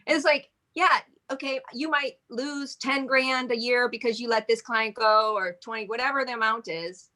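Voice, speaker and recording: Hardly pausing, a woman speaks at a moderate pace in a fairly high, bright and forceful voice. In her forties and from Michigan, she owns a modeling agency and chats in a rambling fashion, laughing often, as a guest in a casual interview.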